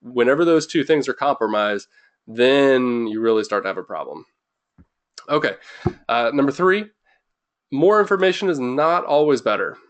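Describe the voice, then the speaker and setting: A man's voice: mid-range voice, expressive, moderate pace, pauses often. A young man hosting a webinar in an informal, rambling way, full of fillers and restarts, a little jittery from too much caffeine. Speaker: webinar host.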